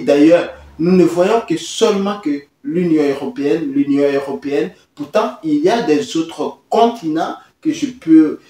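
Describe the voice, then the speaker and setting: A man speaks in a slightly high voice at a very unhurried pace. He hosts his own channel and stops often on long "euh" fillers. His voice sounds roomy and a bit far from the mic. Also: a little mellow. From Côte d'Ivoire. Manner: halting, many drawn-out "euh" fillers. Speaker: host. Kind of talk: hesitant talking-head commentary.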